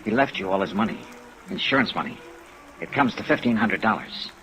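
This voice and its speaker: Johnny Dollar, bright-voiced American radio investigator. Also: male voice, fairly low pitch, fairly quick, soft background music, rough recording. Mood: gentle, coaxing. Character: hard-boiled yet kindly male insurance investigator. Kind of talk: 1950s radio detective drama, narrated expense report. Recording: old 1950s radio recording, rain noise. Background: steady rain sounds.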